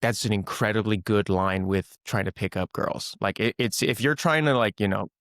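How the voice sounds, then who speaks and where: A male podcast host shares his views in a loose, chatty way, dropping frequent "like"s. His voice sits on the low side. The recording is dry and close-miked. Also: moderate pace, a bit bright, no room sound. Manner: chatty and opinionated, many "like"s. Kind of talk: interview conversation.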